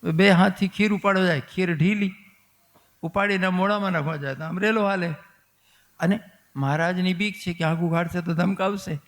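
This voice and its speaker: A man's voice: high voice, steady tone, normal speed, a bit bright. A man telling a devotional story as a sermon, acting out the voices in the dialogue with animation. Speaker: katha storyteller. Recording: long hall reverb with faint music.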